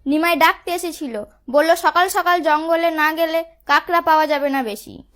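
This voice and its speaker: A woman's voice: extremely high pitch, moderate pace, fairly bright tone. A woman voicing a scolding village wife and mother in a cartoon. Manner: scolding, bossy.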